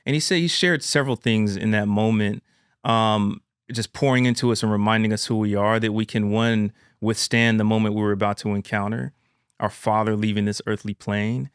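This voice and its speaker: A man's voice: fairly low pitch, fairly even intonation, normal speed, clear, resonant tone, dry recording, studio quality. A man hosting a podcast, telling a heartfelt personal story in an earnest, emphatic way and calling the listener "man" and "bro". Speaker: podcast host.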